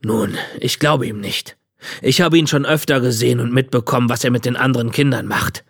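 A man reading the part of a gruff, bearded old homeless man who accuses a boy. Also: medium pitch, a little fast. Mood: accusing.

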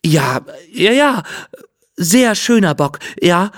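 A man's voice: sits high, very animated, slow, dry recording, clean studio sound, voice pushed up, exaggerated voice. A man voicing a wary, grumbling male insect in a storybook reading. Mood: flustered. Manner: suspicious, grumbling. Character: small wary male insect, grumpy skeptic.

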